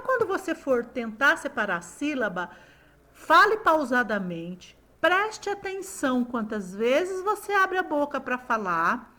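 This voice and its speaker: A woman's voice: high voice, bright, forceful tone. A woman teaching young children, patiently sounding out words syllable by syllable in a recorded lesson. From Brazil. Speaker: primary school teacher.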